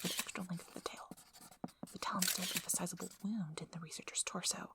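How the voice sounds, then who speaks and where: A woman voices a young field researcher in an ASMR roleplay, injured, nervous and apologetic, breathing audibly and stammering with hesitation. Her pitch is on the low side, close to how she'd normally talk.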